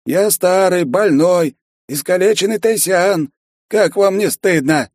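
A man voicing a pleading old lizard-man mage who whines and begs in a high, strained voice. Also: slow, no echo, clean studio sound. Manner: whining, begging.

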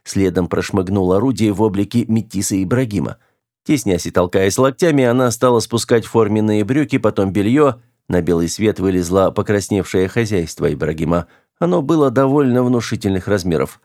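A man narrating an audiobook in a steady, matter-of-fact reading style. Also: on the low side, brisk, no echo, studio quality.

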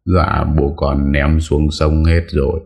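A man voicing the tearful son of a sick master, speaking slowly and politely. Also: extremely low pitch, flat delivery, creaky, darkish tone, exaggerated voice. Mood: meek.

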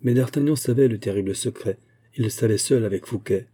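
Male audiobook narrator, measured, mellow dark tone. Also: lowish voice, husky. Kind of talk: scripted narration.

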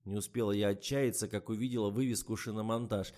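A man narrating an audiobook in the first person with even, measured reading. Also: lowish voice.

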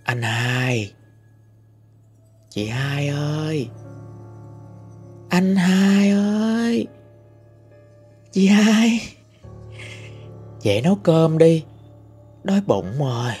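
A man voicing a hungry young female ghost, with eerie, drawn-out calls. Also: a little high, sing-song, a little mellow, breathy edge, faint music behind, pitched above the performer's own voice, heavily acted. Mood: wailing.

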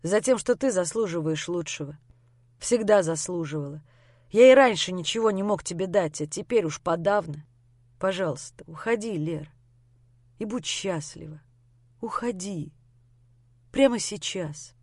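A woman's voice: on the low side, lively intonation, normal speed, pauses often, darkish tone, dry recording, studio quality. A woman reading the part of a bitter, injured young man who lashes out in harsh bursts of self-hatred. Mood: pleading. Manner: harsh, self-hating outbursts.

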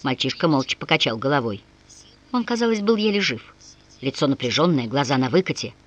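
A woman narrating an audiobook with expressive, varied intonation. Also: very deep voice, fairly quick. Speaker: audiobook reader.

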